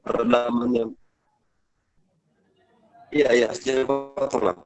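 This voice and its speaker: A man presenting technical details in an online work meeting, talking in a halting way with many fillers, his voice coming through glitching and choppy on a phone connection. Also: medium pitch, little pitch movement, over music. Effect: glitching, choppy audio from a phone connection. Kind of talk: technical explanation on a video call. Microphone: phone on a video call. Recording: dull lo-fi phone call audio.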